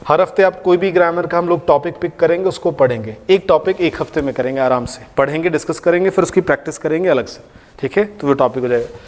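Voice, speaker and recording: A man's voice: on the high side, in a large hall. A male English teacher, giving a classroom vocabulary lecture and drilling each word by saying it aloud several times. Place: classroom with a board.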